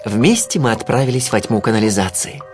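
A man's voice: fairly low pitch, expressive, fairly quick, faint music behind. A man reading a children's storybook aloud as narrator, telling it in the first person with expression.

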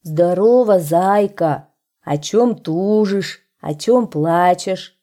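A woman's voice: fairly low pitch, very slow, warm tone. A woman doing a blustering bull. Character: big male bull, gruff and blustering.

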